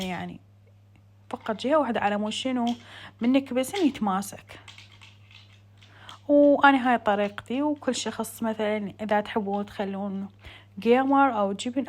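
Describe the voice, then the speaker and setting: A woman's voice: a little high, brisk, long pauses, a little mellow. Iraqi woman, chatty home vlogger. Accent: southern Iraqi Arabic. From Iraq. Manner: chatty, addresses viewers as friends. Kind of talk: casual vlog voice-over.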